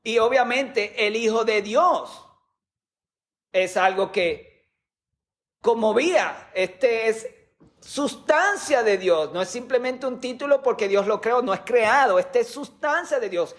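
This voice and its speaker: A man's voice: very high voice, lively intonation, slow pace, a bit bright. A man preaching a sermon as a pastor, teaching with rhetorical questions and sometimes repeating words as he goes.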